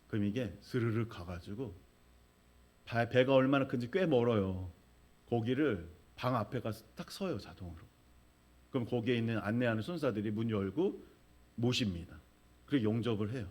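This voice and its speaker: A man's voice: medium pitch, a little mellow. A middle-aged male pastor preaching a sermon, telling a vivid story and acting out the crowd's cries.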